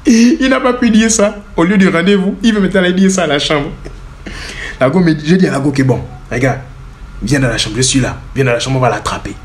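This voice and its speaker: A young man telling a funny personal story in a casual vlog, animated and laughing often. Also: on the high side, fairly quick.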